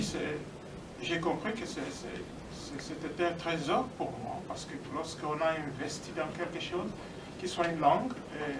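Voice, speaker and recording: A middle-aged man giving an informal speech as a guest, haltingly, with many hesitations and repeated words. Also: a little high. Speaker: guest speaker. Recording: noisy echoey room, distant microphone.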